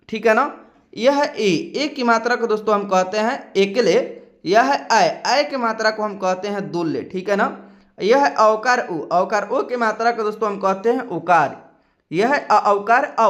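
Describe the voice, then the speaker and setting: A man with a high, light voice teaches a spelling lesson as a voice-over. He spells out each letter slowly and keeps asking his viewers what it reads. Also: fairly bright tone. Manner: slow, spells out letters one by one, keeps asking "kya doston?". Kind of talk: screen-recorded Hindi spelling lesson.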